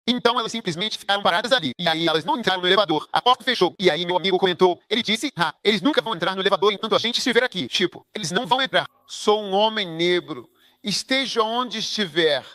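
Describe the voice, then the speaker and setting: Bright, high-voiced male preacher. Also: dry recording, studio quality. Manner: emphatic, rhetorical questions to the audience. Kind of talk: Portuguese voice-over of a sermon.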